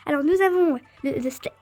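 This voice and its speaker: A woman giving chatty, excitable let's-play commentary on a game, talking straight to her viewers. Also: sits high, normal speed, faint music behind. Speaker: gaming video creator.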